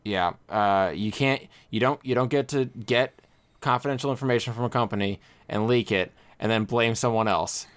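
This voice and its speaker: A man with a middle-pitched voice rattles through gaming news on a podcast. He slips into a mock news-reader delivery and tosses in dry, sarcastic jokes. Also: normal speed, smooth. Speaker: podcast co-host. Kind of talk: casual chat.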